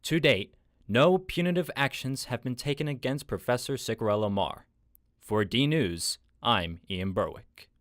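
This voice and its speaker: A man delivers a scripted news report. His pitch is middling and the recording is dry, with no room sound around the narration. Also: lively intonation, normal speed, no echo.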